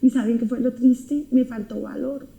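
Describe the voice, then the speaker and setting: Woman telling her testimony, earnest and intense, keeps repeating herself, warm highish voice, echoey room. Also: steady tone, moderate pace, vocal fry. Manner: earnest, intense storytelling with repetitions. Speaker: guest giving a personal testimony. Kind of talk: emotional personal testimony. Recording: roomy echo.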